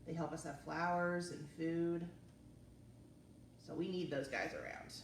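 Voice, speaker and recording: With a deep, gravelly voice, steady in tone and unhurried, a woman reads stories aloud and chats to young viewers in a singsong, encouraging manner. The audio is roomy and distant-miked, with faint noise in the background.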